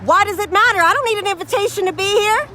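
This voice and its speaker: A woman's voice: very high voice, quick pace, sharp tone, slight background noise. A woman, a protester in a heated street argument outdoors, taunting and firing off confrontational questions.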